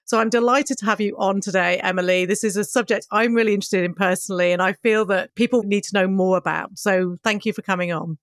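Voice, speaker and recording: Podcast host, woman, upbeat and brisk, clean dry voice. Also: medium pitch, fairly even intonation, no echo. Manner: upbeat, brisk introductions, frequent "brilliant". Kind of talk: casual interview.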